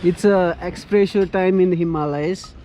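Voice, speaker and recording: A man's voice: sits high, steady tone, a little slow, warm tone, slight background noise. A man from Nepal with a Nepali accent gives casual travel vlog commentary in simple, short phrases, like a trekking guide. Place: outdoors on a mountain trail.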